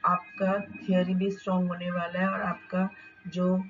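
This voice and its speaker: A woman teaching English pronunciation, reading words slowly and explaining in Hindi mixed with English terms. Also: fairly low pitch, monotone, highs cut off, slight background noise. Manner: slow, deliberate word-by-word reading. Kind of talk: lesson.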